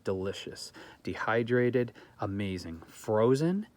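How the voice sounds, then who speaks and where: Speaking slowly in a low-leaning, slightly mellow voice with lively intonation, a gardening channel host reflects on camera from his garden outdoors. He talks earnestly and poses rhetorical questions as he thinks aloud.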